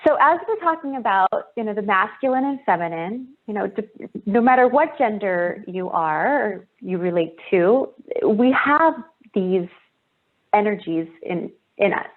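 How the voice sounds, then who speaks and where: A woman's voice: mid-range voice, lively intonation, a little slow. Woman, interview host, effusive, complimentary, video call, narrow phone-like sound. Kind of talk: online interview.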